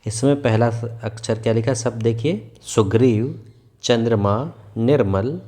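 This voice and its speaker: A male teacher giving a worksheet lesson to young children, patiently explaining and repeating words slowly for pupils to echo. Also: mid-range voice, mellow.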